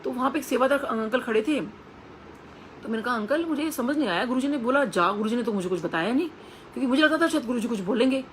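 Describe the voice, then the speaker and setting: A woman's voice: on the high side, expressive, fast talker, slight background noise, rough recording. Woman sharing an earnest devotional testimony. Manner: earnest storytelling, acting out quoted voices. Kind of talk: personal testimony to a congregation.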